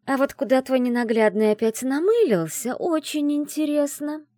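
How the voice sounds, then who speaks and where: A woman's voice: a little high, very animated, a little fast, a little mellow, dry recording, clean studio sound, pitched above the performer's own voice. A woman voicing a teasing young witch friend in an audiobook, in a playful, mocking manner. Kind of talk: audiobook character voice.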